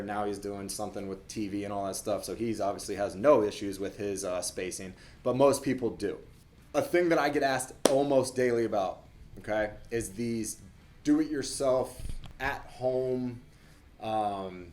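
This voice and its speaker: A man's voice: fairly low pitch, a little mellow, a little hiss or hum. A young adult man, a dentist, explaining things casually to camera in a conversational way, often repeating words as he goes.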